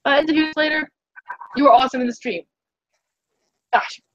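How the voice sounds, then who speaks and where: Young woman streamer, bright high voice, chatty and giggly, muffled dry mic. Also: dry recording. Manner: chatty, giggly, quick asides. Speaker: live streamer and artist. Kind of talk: casual live-stream chat.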